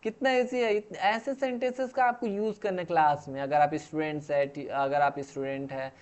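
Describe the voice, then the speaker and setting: A man teaching classroom English phrases, saying each phrase slowly and then explaining it in Hindi. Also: a little high, steady tone. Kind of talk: spoken English lesson.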